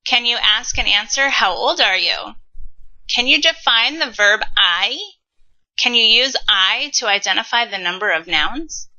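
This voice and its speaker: A woman in her thirties teaching a recorded Spanish lesson, modeling words slowly and carefully. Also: fairly high pitch, animated, sharp tone, dull audio. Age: 30s.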